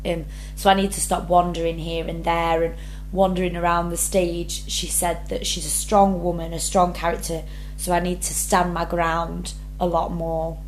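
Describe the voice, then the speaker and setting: A young woman drama student talks earnestly through her rehearsal blog, reading each question aloud before answering and using many ums. Her voice is lowish and level, at normal speed. The low-quality recording carries a little hiss or hum.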